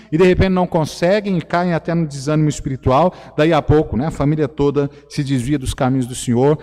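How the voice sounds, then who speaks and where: A man's voice: fairly high pitch, a little mellow. A pastor delivers an earnest sermon in a somewhat raised voice, dotting his speech with "né." His words ring out with a long reverb, as if in a church hall. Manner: earnest preaching, frequent "né" fillers.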